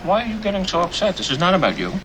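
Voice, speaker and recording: A man's voice: sits high, very animated, racing, fairly bright tone, a little hiss or hum. An actor playing a wisecracking, cocky young man in a romantic comedy, speaking in a wry, sardonic way. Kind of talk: film dialogue.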